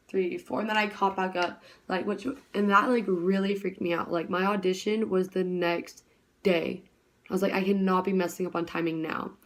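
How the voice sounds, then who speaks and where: A young woman vlogging in a relaxed, chatty way. She rattles through her story at high speed and fills it with "like" and restarts. Her voice sits at an ordinary middle pitch. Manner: talks very fast, rambling with many "like" fillers. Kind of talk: casual chat.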